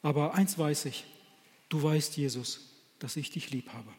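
Man preaching in a reverberant hall. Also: a little high. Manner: halting, many restarts, quotes scripture in character. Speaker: lay preacher. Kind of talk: sermon.

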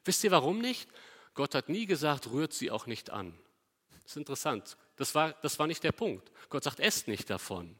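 Emphatic male preacher in an echoing hall. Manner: emphatic, with rhetorical questions to the congregation; swings between loud emphasis and low, quiet stretches. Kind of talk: sermon.

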